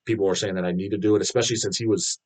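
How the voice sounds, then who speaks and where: A man's voice: fairly low pitch, fairly even intonation, very fast, darkish tone. Blunt, profane man rambling on stream. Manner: rambling and heavily profane, many restarts and fillers; blunt, mocking gym talk. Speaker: streamer answering viewer questions. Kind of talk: casual live-stream Q&A.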